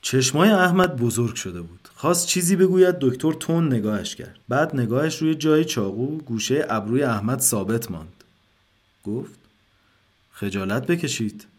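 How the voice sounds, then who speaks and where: Man, story narrator, calm measured reading, mid-pitched voice.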